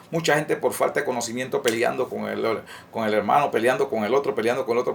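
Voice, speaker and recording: A man's voice: medium pitch, creaky. A man giving an earnest, informal sermon, often stopping on fillers and restarts and asking his listeners rhetorical questions. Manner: earnest, repetitive, many hesitant restarts and fillers. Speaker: lay preacher. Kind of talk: informal preaching to camera.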